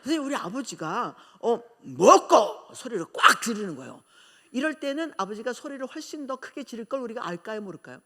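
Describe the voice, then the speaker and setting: A Korean-born woman pastor preaching a revival sermon, telling her family story in an animated way and acting out the quarrels in it. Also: on the high side, fast. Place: church sanctuary. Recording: long church hall reverb.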